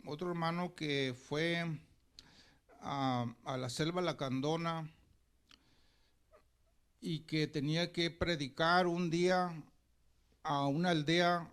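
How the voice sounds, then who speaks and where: A man's voice: on the high side, fairly bright tone. A pastor preaching a sermon, telling a story and calling the congregation brothers as he goes.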